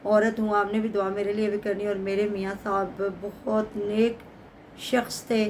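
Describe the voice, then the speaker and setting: A woman's voice: medium pitch, little pitch movement, moderate pace, darkish tone. A middle-aged woman talks through a casual vlog commentary. She is chatty and pious and often adds blessings. A faint hiss sits under her voice. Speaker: vlogger.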